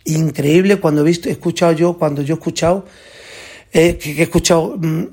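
Man, gravelly voice, a bit husky, rambling and exclaiming, casual rant. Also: a little high, brisk. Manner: rambling, repeats "digo" and "dice"; excited and exclaiming. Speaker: customer telling a story.

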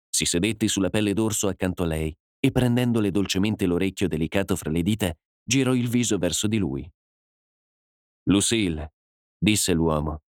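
A man narrating a dramatic story as an audiobook, in a measured, dramatic way. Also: lowish voice, darkish tone, no echo, studio quality.

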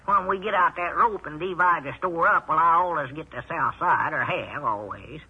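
A simple-minded, easily riled country storekeeper who is also a deputy marshal, in a 1940s radio comedy. His voice is high and bright, with a husky twang and a drawl. It is a dull, lo-fi old radio recording. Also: moderate pace. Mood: riled folksy.

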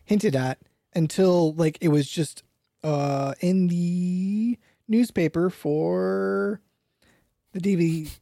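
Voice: medium pitch, takes it slowly, vocal fry, mellow, dry recording, clean studio sound. A person hosting a casual guessing game, talking in a loose, hesitant way with many fillers. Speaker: quiz host. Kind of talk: casual podcast chat.

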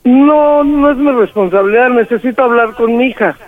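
Middle-aged Mexican mom, stern and insistent, on a thin phone line. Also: female voice, fairly high pitch, normal speed. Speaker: prank call target, mother. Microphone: telephone.

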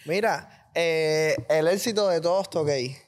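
A man from Cuba hosts a podcast with a high voice, firing off questions. He tells quick anecdotes and acts out the people in them. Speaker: podcast host. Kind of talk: casual interview chat.

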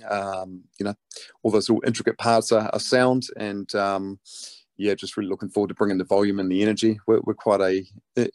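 A man's voice: fairly low pitch, no echo. A man with a broad New Zealand accent chatting casually in an interview, laid-back and matey. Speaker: interviewed rock band lead singer.

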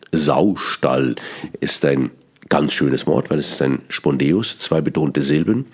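A man with a Swiss German accent, his voice extremely low and his delivery slow. He muses on language like a cabaret artist on the radio, lingering over single syllables and sounding them out with care. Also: a little mellow. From Switzerland (Bern). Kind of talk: musing radio talk.

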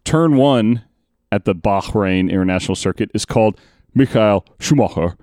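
A man co-hosting a casual sports podcast, chatting and reading out race stats quickly. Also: on the low side, a little mellow, no room sound, studio quality. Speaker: podcast co-host.

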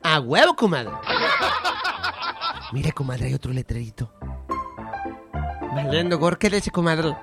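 Two bawdy middle-aged gossiping women friends with a Mexican accent trade teasing comedy-sketch banter, as a man puts them on. The voice is high-set and gravelly, and it leaps into shrieks and cackles. Music plays clearly behind them. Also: expressive, a little slow, pauses often. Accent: Mexican Spanish.

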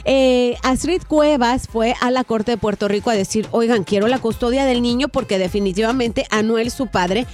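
High-voiced woman gossiping on radio. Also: moderate pace, few pauses, soft background music. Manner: playful, expressive, digressive. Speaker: entertainment gossip presenter. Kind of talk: chatty celebrity gossip segment on a radio show.

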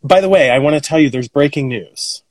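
A man co-hosting a casual chat on an Instagram live, animated and jokey, talking over a video call. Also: on the high side, brisk, no room sound, rough recording. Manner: animated, jokey, lots of fillers. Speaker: podcast co-host.

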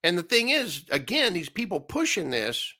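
A man's voice: sits high, wildly swooping pitch, moderate pace, sharp tone. A man hosting a solo commentary show, ranting with sarcastic, mocking asides.

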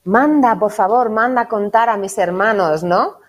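A woman from giving a relaxed spiritual talk to a course group, lively and conversational, often checking in with her listeners. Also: medium pitch, normal speed. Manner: lively, conversational, tags phrases with "¿no?". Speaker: catechism course teacher.

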